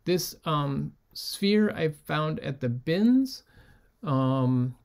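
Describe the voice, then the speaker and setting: A man talking casually in a vlog about items he resold, with lots of ums and a relaxed way of talking. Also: fairly high pitch, very slow. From United States. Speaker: reseller showing sold items.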